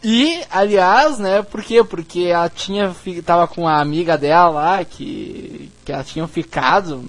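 A man hosting a podcast, retelling sitcom scenes in an animated, casual way. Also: sits high, measured pace, dry recording. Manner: animated storytelling, acts out scenes. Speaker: podcast host. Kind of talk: casual chat.

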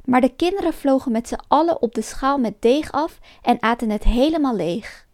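A woman narrating a folk tale in a calm, expressive storytelling manner. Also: high voice, normal speed.

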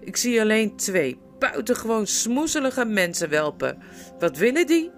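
A woman's voice: fairly high pitch, big pitch swings, unhurried, faint music behind, voice pushed up. A woman voicing an old, hard-of-hearing, irritable male dwarf who mishears everything. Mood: confused, testy. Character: old deaf cranky male dwarf regent.

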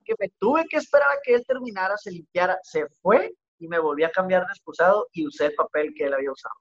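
His voice sits high and moves fast, with a fairly bright tone and lo-fi sound. A guest on a podcast, he tells a story over a remote call with a Mexican accent, rambling casually, heavy on slang, with "güey" in every sentence.

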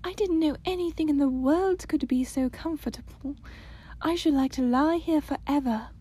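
A woman voicing a sweet, eager little princess in a storybook, with a lilting, breathy delivery. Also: high-pitched, normal speed, dark tone, voice pushed up, close to an everyday voice. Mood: delighted.

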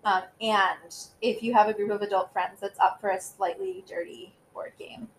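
Co-hosting a podcast, this woman in her thirties chats casually, wandering off topic with plenty of fillers and giggling. She has a mid-range voice with fairly even intonation at normal speed, captured in a low-quality recording with slight background noise.

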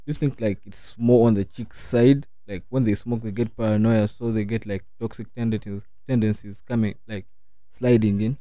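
Mellow, slangy young man hosting a chat. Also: lowish voice, steady tone, normal speed, no echo. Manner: slangy urban street talk with frequent "man", "bro" and "like". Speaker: talk show host. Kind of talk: casual chat, interviewing.

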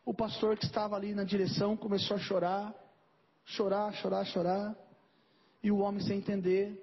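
Husky high-voiced man preaching. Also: flat delivery, normal speed, highs cut off. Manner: storytelling sermon, acting out dialogue with God. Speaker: pastor. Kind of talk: sermon.

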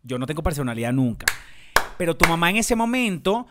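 Guy cohosting, kinda high voice, jokey banter. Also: big pitch swings, brisk, heavy background noise. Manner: playful, joking, acts out little scenes. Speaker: podcast co-host. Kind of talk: casual chat.

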